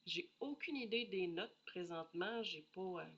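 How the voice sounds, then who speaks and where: Lively Québécois woman reviewing perfume. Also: lowish voice, normal speed, dull audio. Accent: Québécois French. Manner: expressive, thinks aloud, apologizes often. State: has a head cold. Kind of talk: casual solo review chat.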